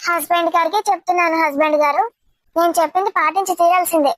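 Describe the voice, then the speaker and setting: A woman's voice: extremely high pitch, fairly even intonation, fast talker, a bit bright. A woman playing a stern housewife who firmly scolds her playful husband. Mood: scolding. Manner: scolding, firm.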